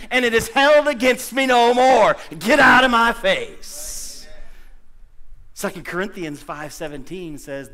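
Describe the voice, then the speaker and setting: Animated preacher man, high bright voice. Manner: animated, calls out to the congregation with sudden loud bursts. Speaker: pastor. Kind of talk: sermon. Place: church sanctuary.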